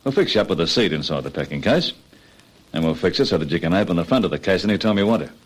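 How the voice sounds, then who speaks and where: In an old radio crime drama, an actor plays a cocky, impatient Australian criminal ringleader who talks colloquially and persuasively. His low, expressive male voice is rapid-fire with a breathy edge, and he sounds insistent and scheming.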